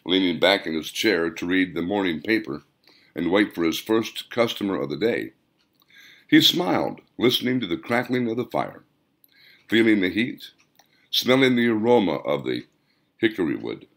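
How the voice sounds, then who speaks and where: An author narrating his own audiobook speaks in a deep, low register. His delivery is measured and deliberate, broken into short phrases, and his lively intonation moves widely up and down.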